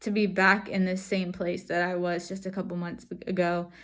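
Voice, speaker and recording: A woman talking through a face mask, giving a personal testimony in a halting, reflective and earnest way, like a vlogger sharing her story. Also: lowish voice, level tone, fairly bright tone. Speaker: vlogger sharing stroke recovery.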